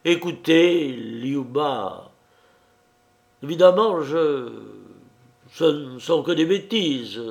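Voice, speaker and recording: A man reading aloud voicing an awkward, self-righteous young man who stammers and then lashes out with loud insults. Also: fairly high pitch, voice pushed up.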